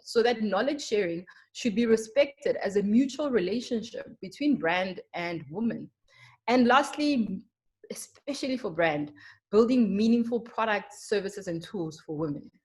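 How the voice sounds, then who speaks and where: A young woman with a South African accent gives a webinar presentation as a marketer. She speaks earnestly and with emphasis, often filling pauses with ums, at a mid pitch typical for a woman. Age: young adult.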